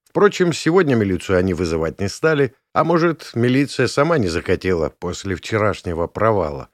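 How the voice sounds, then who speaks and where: A man reads a first-person audiobook in a wry, laconic tone, his pitch moving lively up and down. The sound is dry and close, with no room around it. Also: brisk, no room sound. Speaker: audiobook narrator.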